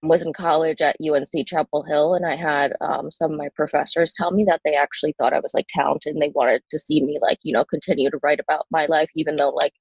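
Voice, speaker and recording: A woman's voice: low voice, level tone, fast, creaky, hardly any pauses, darkish tone, slightly rough, no echo. Woman in her 30s on a call, lots of um and like, matter-of-fact, dry sound. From Bangladesh, raised in New Jersey. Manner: hesitant, many ums and likes, matter-of-fact. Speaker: guest poet. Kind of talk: casual interview.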